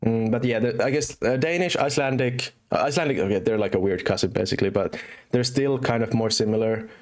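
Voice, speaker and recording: A man's voice: medium pitch, fast talker. Finnish young man chatting over chess. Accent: Finnish, with British and American English mix. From Finland. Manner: chatty, thinks aloud with many fillers and restarts. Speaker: chess streamer. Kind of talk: casual live-stream commentary.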